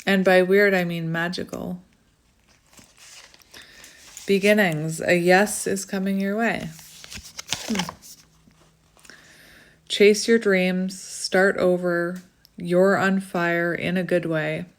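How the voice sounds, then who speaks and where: A woman's voice: fairly low pitch, level tone, slow pace, long pauses. Chatty woman lisping slightly from a retainer. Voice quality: slight lisp from wearing a retainer. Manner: giggly, effusive, chatty asides. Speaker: tarot reader hosting a card reading. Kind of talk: casual chatty card reading.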